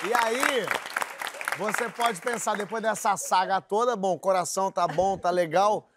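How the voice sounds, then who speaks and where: A man's voice: high voice, moderate pace, some chatter behind, slight background noise. A man hosting a talk show in front of a studio audience, playful and exclaiming as he jokes with his guest. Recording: loud studio audience around him.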